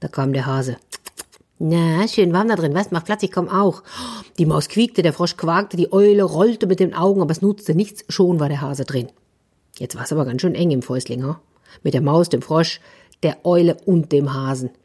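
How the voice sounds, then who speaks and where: A woman tells a children's story to young listeners in a soft manner. Her voice sits low and husky, now and then sinking to a whisper. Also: normal speed.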